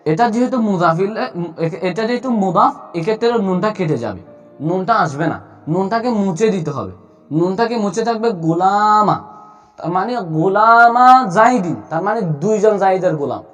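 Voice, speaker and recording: A man teaching Arabic grammar in a video lesson, explaining step by step and asking himself questions as he goes. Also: high-pitched.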